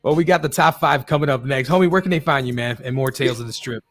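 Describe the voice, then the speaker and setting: Laid-back radio host. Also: male voice, medium pitch, a bit bright, no room sound, faint music behind. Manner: laid-back, quick reactions and laughs. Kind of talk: casual show hosting.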